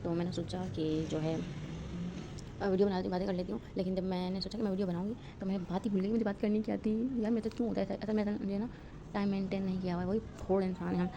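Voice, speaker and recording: A young woman vlogger with a Pakistani Urdu accent chats quickly and rambles, full of fillers, while cooking breakfast in her home kitchen, phone in hand. Her mid-range voice is steady in tone, and the muffled recording carries a clear layer of background noise.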